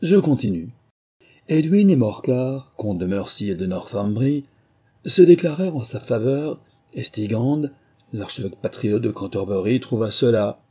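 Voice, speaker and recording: A man's voice: mid-range voice, animated, moderate pace, dark tone, slightly rough. A man voicing a fussy, self-important male mouse who lectures the others pompously.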